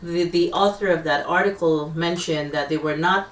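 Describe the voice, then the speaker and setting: A woman's voice: deep voice, normal speed. A woman hosting a TV talk show, asking chatty questions and praising her guest. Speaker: TV host and MC. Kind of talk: interview host. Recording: echoey room, far from the mic.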